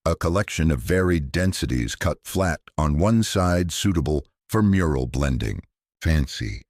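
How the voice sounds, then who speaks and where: With a gently wry touch, a man reads a calm, scripted sleep story, soft-spoken and in no hurry. His voice is very low and deep. The sound is close and dry, with no room and no echo.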